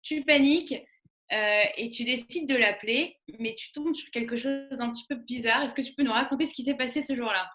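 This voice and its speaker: High-voiced young female co-host, playful. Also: fairly quick, over music. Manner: lively, playful questioning. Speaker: co-host, columnist. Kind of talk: radio segment, leading an interview.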